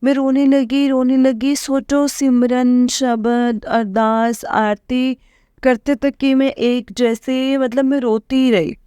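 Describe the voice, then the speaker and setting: A young woman speaks in with a lilt, her voice pitched a little high and very smooth. She shares devotional experiences earnestly, turning often to address her listeners. The sound is close and dry, with no room around it. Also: level tone, takes it slowly, dark tone, no room sound. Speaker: devotee sharing satsang experiences. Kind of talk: personal devotional testimony.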